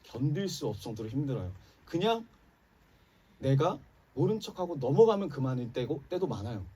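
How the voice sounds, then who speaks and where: A male pastor delivers a heartfelt sermon in a church, his voice swinging widely between soft, low asides and loud, rising appeals. The sound is slightly husky and captured from a distance across the sanctuary. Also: very animated, fairly quick. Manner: impassioned preaching, rising and dropping emphatically, addresses congregation.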